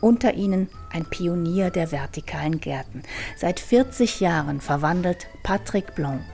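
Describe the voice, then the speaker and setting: Woman reporter, mellow voice, calm descriptive radio narration. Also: on the low side, gravelly, soft background music. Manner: measured, descriptive delivery. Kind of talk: scripted radio feature narration.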